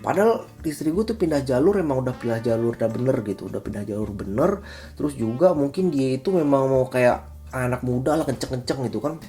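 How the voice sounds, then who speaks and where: A man in his thirties from Indonesia, telling a personal story in a casual, slangy, animated vlog style. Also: mid-range voice, fairly quick. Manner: chatty, slangy, animated retelling with acted quotes. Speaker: vlogger. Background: faint guitar music.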